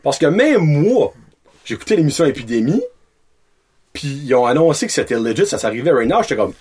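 A man's voice: on the high side, a little fast, breathy edge. A man chatting casually on a podcast, telling stories in slangy French mixed with English words. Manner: animated storyteller, slangy, mixes in English words.

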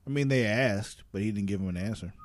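A man's voice: on the low side, quick pace, no room sound, faint music behind. A man co-hosting a podcast, casually recapping TV episodes in loose, profane storytelling. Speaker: podcast co-host.

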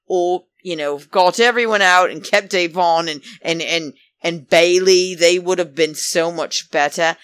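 A woman's voice: on the low side, unhurried, hardly any pauses, clean tone, no echo. A woman chatting casually about a show, rambling and calling her listeners darlings, acting out what others said. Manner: acts out quoted speech. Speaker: reality show commentator. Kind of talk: casual chat.

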